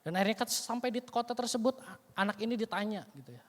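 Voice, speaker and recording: A man's voice: high voice, expressive, fast talker, a bit bright. Male preacher in an echoing church. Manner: conversational, frequent "you know" tags, dramatic retelling. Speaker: evangelist preacher. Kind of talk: sermon storytelling. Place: church sanctuary. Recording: long church hall reverb.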